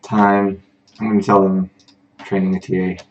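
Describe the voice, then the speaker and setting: A man's voice: low voice, flat delivery, normal speed, dull audio, soft background music. A young man running a live-streamed neuroanatomy tutoring session, talking casually with a dry, self-deprecating manner. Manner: casual, self-deprecating, livens up when addressing viewers. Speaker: neuroanatomy teaching assistant.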